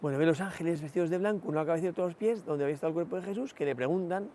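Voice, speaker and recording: Reflective priest. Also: male voice, a little high, very fast, dark tone, slight background noise. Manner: reflective, many rhetorical "¿no?" asides and hesitations. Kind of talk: spoken meditation, sermon.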